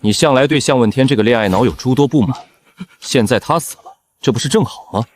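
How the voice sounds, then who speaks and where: An actor playing a blunt, hot-blooded rebel general with a coarse commanding manner in an animated drama. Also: male voice, medium pitch, fast, a little hiss or hum, lightly acted. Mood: cold defiance. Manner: coarse, commanding, often shouting. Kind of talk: dramatized animated-comic dubbing.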